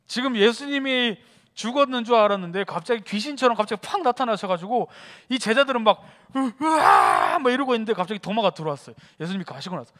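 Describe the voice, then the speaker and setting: A youth pastor giving a sermon in a church sanctuary, lively and conversational, acting out scenes as he talks. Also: high voice, fast. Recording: long church hall reverb.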